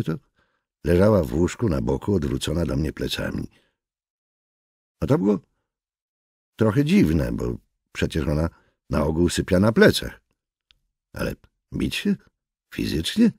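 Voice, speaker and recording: A man narrating a first-person story as an audiobook with a very animated, expressive delivery. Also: low-pitched, vocal fry, breathy edge, no room sound, clean studio sound.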